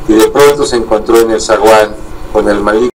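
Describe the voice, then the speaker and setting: A man's voice: on the low side, brisk. A man steadily reading a horror story aloud, with a few slips and restarts. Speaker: reader. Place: indoors, live stream. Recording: distant mic, faint air-conditioning hum.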